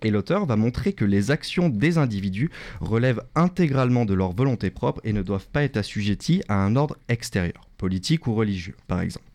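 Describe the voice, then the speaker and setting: A man's voice: lowish voice, animated, brisk, few pauses, a little mellow. A man giving a prepared radio talk on economic history, lecturing and correcting himself with small jokes. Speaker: radio columnist.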